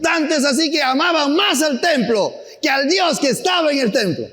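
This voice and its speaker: A man preaching a sermon as pastor, animated and acting out stories, at times shouting. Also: extremely high pitch, normal speed, in a large hall. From Peru. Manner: animated, acts out anecdotes with voices, sometimes shouting.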